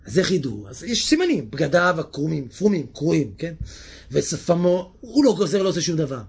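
A man giving a Torah sermon in an animated way, moving from hushed asides to shouted lines and often asking his listeners questions. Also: a little high, gravelly, breathy edge. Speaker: preacher.

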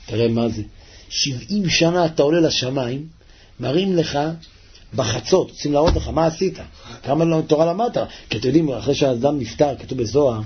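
A man's voice: fairly high pitch, slight background noise. Impassioned man preaching a lo-fi sermon. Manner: impassioned, swings between soft pleading and loud exhortation. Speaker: rabbi giving a Torah class. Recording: slightly muffled lo-fi recording.

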